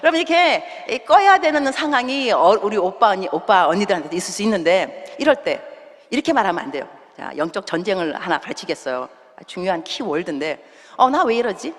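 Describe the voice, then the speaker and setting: Woman pastor, lively up-and-down sermon delivery, emphatic, long echo of a large church hall. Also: mid-range voice, brisk. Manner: emphatic, with wide swings between loud and hushed; acts out quoted voices and mixes in English words.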